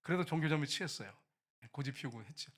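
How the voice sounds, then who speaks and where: A middle-aged man preaching a sermon, telling a personal army story with lively swings between soft asides and loud exclamations. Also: fairly high pitch, fast talker. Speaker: pastor.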